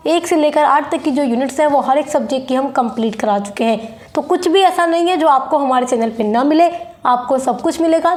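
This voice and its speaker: A woman teacher going over exam questions, explaining each point in English and then again in Hindi, reading definitions slowly. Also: sits high. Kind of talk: exam-prep lesson in Hindi mixed with English.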